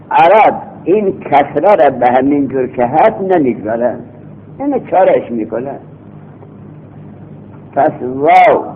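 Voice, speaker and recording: Husky man teaching from lo-fi tape. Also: on the high side. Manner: repeats each rule slowly, then explains in quick bursts. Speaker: teacher of Arabic grammar. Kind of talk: classroom lecture. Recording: lo-fi cassette tape, thin phone-like sound.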